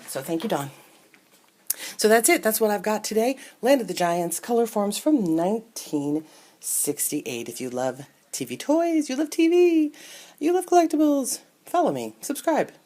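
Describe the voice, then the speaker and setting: A middle-aged woman, an entertainment reporter, chatting casually as she shows off an old toy set, musing aloud with fillers and soft asides. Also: medium pitch, sing-song, normal speed. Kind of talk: casual show-and-tell toy review. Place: indoors at a table with the toys. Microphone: camera mic close by.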